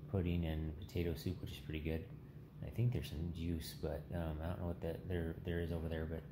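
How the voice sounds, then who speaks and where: A man in his thirties giving a casual, halting update in a weak, tired, subdued way after surgery, with a sore throat. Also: extremely low pitch. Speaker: patient vlogger. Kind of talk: casual recovery update, talking to camera. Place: small hospital room, lying in bed. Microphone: phone held at arm's length. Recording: roomy, noisy phone recording in hospital room.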